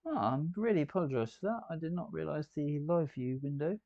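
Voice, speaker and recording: A man's voice: fairly high pitch, expressive, a little fast, vocal fry, dry recording, muffled recording. A man hosting a live building stream, chatting and thinking aloud as he works. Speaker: host.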